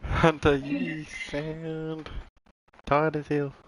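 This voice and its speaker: Male streamer, casual joking chat, slow delivery. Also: a little high, monotone, a little hiss or hum, rough recording. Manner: joking, chuckles between stories. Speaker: game streamer.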